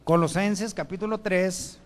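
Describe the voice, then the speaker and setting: Preacher guy, highish voice, reads verses then asks and answers his own questions, church mic. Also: steady tone, unhurried. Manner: reads scripture verses aloud. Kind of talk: sermon. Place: church with benches. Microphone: handheld or stand microphone.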